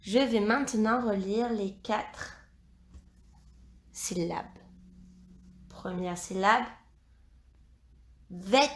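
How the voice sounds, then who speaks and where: A woman teacher reading a dictation for young pupils, pronouncing each syllable and word slowly and carefully. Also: medium pitch. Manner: slow, carefully articulated dictation. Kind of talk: classroom dictation lesson. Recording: echoey room.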